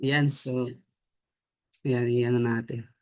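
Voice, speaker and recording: A man's voice: mid-range voice, flat delivery, takes it slowly, darkish tone. A young man from the Philippines giving a casual motivational online training over a video call, reading out names and asking the group "no?" and "di ba?" as he goes. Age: young adult. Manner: chatty, reads out names with frequent "no?" and "di ba?". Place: home room with a staircase behind.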